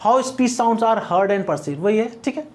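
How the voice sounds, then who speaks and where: A man's voice: high voice, lively intonation, takes it slowly. A man with an Indian English accent teaches phonetics to exam candidates. He explains step by step and repeats key points, and he keeps stopping to ask whether the class is following. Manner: explains patiently with checking asides and repetition. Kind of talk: exam-prep lecture in Hindi mixed with English.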